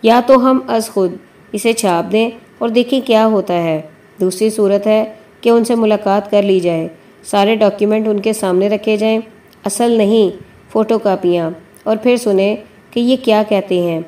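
A woman's voice: mid-range voice, fairly even intonation, mellow, close to an everyday voice. Woman reading as an eager young colleague. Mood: suggesting. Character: young male newsroom colleague, eager to speak up.

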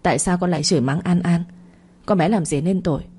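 A woman's voice: fairly low pitch, fast, dark tone, husky. A woman doing a stern scolding father. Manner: scolding, reproachful. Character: stern angry father, middle-aged man.

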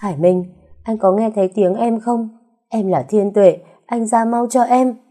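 A woman's voice: on the low side, moderate pace, dark tone, close to an everyday voice. A woman reading aloud, voicing a loving young wife who speaks emotionally and pleadingly.

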